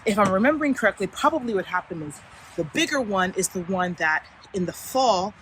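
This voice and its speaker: A woman's voice: mid-range voice, expressive, a little fast, a bit bright, poor audio. Female backyard vlogger, informal and easygoing, talking to viewers outdoors with light ambient noise behind. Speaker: gardening vlogger. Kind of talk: casual chatty backyard vlog. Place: outdoors in a suburban backyard and side yard.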